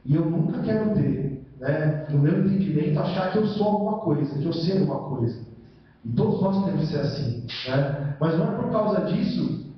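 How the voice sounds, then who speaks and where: A man's voice: a little high, expressive, normal speed. Man, Brazilian accent, preacher, church sermon, conversational, tag questions, heavy echo, distant and muffled mic. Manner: asks rhetorical questions and answers them. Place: church hall. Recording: echoey church hall, mic far off, dull sound.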